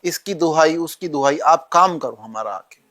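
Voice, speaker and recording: A man's voice: on the high side, moderate pace. Instructive man explaining rituals. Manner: calm, instructive, addresses listener directly. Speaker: astrologer guest.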